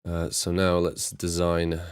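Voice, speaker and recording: A man's voice: deep voice, monotone, slow pace, clear, resonant tone, no echo. A man producing music on a live stream, chatting casually with viewers and joking with dry sarcasm. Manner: dry sarcastic, laid-back, chats to viewers while working.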